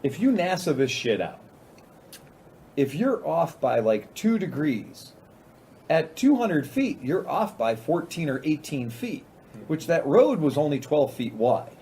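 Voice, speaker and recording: A man's voice: a little high, measured pace, slight background noise. A man hosting a casual group chat, telling stories with crude humor and frequent laughter. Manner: animated storyteller, laughs often, crude humor. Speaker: podcast host.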